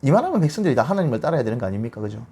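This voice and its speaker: A man giving a bible lecture, retelling scripture as a lively story and acting out the quotes. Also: medium pitch, racing, breathy edge.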